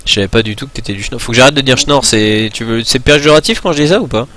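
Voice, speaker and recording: A Frenchman in his twenties chats casually into a desk mic at his computer while live-streaming a game, rambling with many fillers and restarts. His mid-range voice is a bit bright, fast and lively in intonation.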